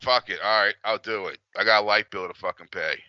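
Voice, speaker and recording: A man's voice: fairly low pitch, brisk, no room sound, lo-fi sound. A man co-hosting a podcast, chatting casually and swearing. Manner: profane. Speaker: podcast co-host. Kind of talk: casual chat.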